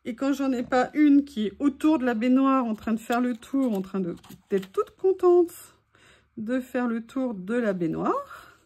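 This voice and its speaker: High-pitched woman craft vlogger, chatty and playful, at home. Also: animated, measured pace, a little mellow. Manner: chatty and playful, teasing asides to her dog. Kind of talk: casual chat while making a collage.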